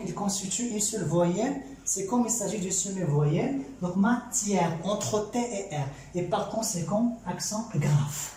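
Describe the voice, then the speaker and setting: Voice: mid-range voice, dark tone. A teacher with a Moroccan accent, patiently explaining a grammar lesson and answering their own questions. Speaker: French teacher. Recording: very echoey room, distant mic, faint music.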